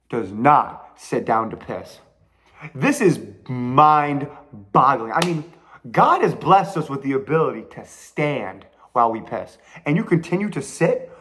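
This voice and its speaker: A man's voice: mid-range voice, a bit bright. A young man hosting his own podcast, delivering a blunt, profane, slangy rant with emphatic repetition. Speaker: podcast host. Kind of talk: casual solo podcast rant.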